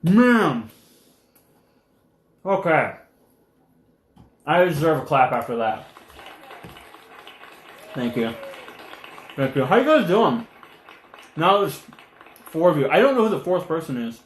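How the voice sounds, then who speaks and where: A young man hosting a casual live stream, rambling and animated, sometimes talking with his mouth full. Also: a little high, takes it slowly, pauses often, roomy sound, slight background noise.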